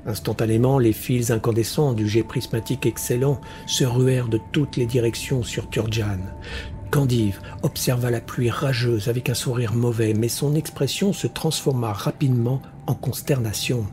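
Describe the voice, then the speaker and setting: Measured male audiobook narrator. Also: mid-range voice, fairly even intonation, darkish tone, faint music behind. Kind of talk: scripted fantasy narration.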